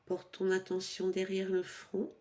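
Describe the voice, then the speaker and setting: Leading listeners toward sleep, this yoga nidra instructor uses a mid-range voice and an instructional tone that stays calm and soothing, pausing often.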